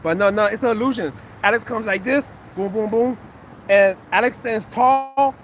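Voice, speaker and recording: This clip features a man in his fifties, once a fighter and now an acupuncture physician, who talks directly to his live chat while casually analyzing a fight. His high-pitched, slightly bright voice moves at a moderate pace, and he repeats himself earnestly. There's slight background noise.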